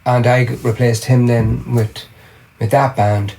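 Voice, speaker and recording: A middle-aged Irish singer and drummer, guesting on a podcast, spins animated stories in a rambling way, restarting often as he chats casually. His voice is gravelly and medium-pitched, and he talks at a measured pace.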